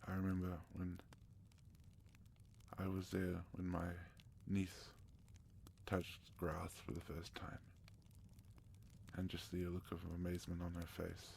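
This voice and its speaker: A man from South Africa hosting a soft-spoken ASMR question-and-answer session, gentle and sometimes slipping into a whisper. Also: low-pitched, monotone, slow, gravelly, long pauses, slight background noise. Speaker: ASMR channel host.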